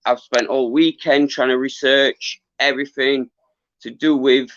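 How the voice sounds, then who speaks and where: A middle-aged man who is losing his voice, chatting casually to viewers on a livestream in an earnest, halting, rambling way. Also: mid-range voice, fairly even intonation, no room sound. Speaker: livestream host, former boxer. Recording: dull lo-fi livestream audio.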